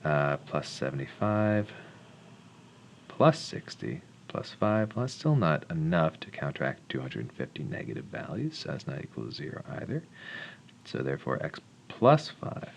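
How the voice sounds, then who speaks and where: A man's voice: rumbling low, sing-song, normal speed, vocal fry, muffled recording, a little hiss or hum. A man teaching math, talking himself through a worked solution in a casual, mumbling way with wry little jokes. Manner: mumbles calculations, jokes self-deprecatingly.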